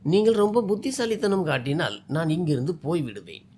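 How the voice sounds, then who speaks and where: A man's voice: on the high side, big pitch swings, brisk, mellow. A man voicing a tearful, defiant young woman.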